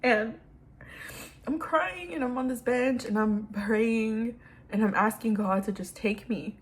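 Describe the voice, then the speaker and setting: A woman's voice: on the high side, slow, slightly rough. A young woman telling a personal story casually, emotional and laughing through tears, with a lot of "like". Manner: casual, many fillers like "like".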